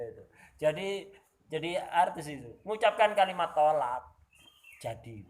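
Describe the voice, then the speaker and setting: A man's voice: fairly high pitch, animated, moderate pace. A man teaching an Islamic law lesson. He reads Arabic text aloud, explains it in casual speech with asides, and often checks that his students follow. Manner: explains and asks the class "Paham ya?". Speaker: religious teacher. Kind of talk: kitab study lesson.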